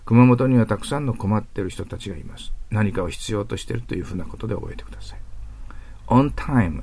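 A man teaching English idioms in a patient, explanatory lecture, reading the English examples slowly and carefully. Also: fairly low pitch, darkish tone, husky. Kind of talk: classroom grammar lecture.

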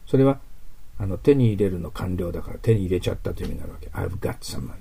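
Low gravelly-voiced man teaching English. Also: lively intonation, mellow, a little hiss or hum. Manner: explanatory, with many fillers and rhetorical questions; reads English example sentences slowly. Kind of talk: lecture on English vocabulary and grammar.

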